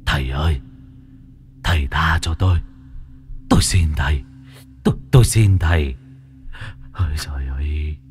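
A man's voice: rumbling low, normal speed, long pauses, darkish tone, soft background music, voice pushed down. A man voicing the pleading ghost of an old man, with an aged, quavering voice. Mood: begging. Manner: begging, tearful.

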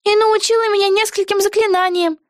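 A woman's voice: very high-pitched, fairly even intonation, brisk, no echo, studio quality, pitched above the performer's own voice. A woman voicing a young girl witch who insistently urges her best friend on, as in a storybook read aloud. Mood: urging. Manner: insistent, encouraging.

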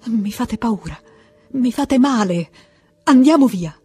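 A woman's voice: mid-range voice, lively intonation, normal speed, a little mellow, slightly rough, soft background music. A woman reading aloud, voicing a torn young married woman who pleads in a rising, urgent voice. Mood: pleading.

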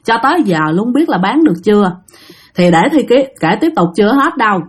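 A woman's voice: on the high side, very animated, fairly quick, husky. A woman with a Southern Vietnamese accent telling a ghost story in a chatty way, talking straight to her listeners. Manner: chatty, addressing listeners directly, acting out voices.

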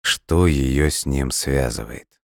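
A calm, direct young man, read by a male narrator. His measured speech sits in a very deep voice, recorded close and dry. He talks steadily and plainly. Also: gravelly, dry recording, heavily acted. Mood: brooding.

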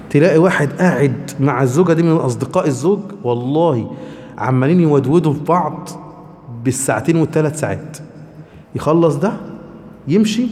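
Egyptian male preacher, high pitch, rapid delivery, emphatic rhetorical questioning. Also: a little mellow, in a large hall. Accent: Egyptian Arabic. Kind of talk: colloquial religious lecture.

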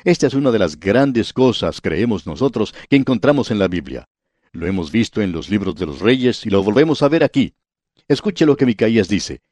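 A man with a low voice teaches a Bible study on the radio. He reads scripture aloud, then explains it and speaks straight to the listener. The sound is dry and close. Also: animated, moderate pace, a little mellow, no room sound.

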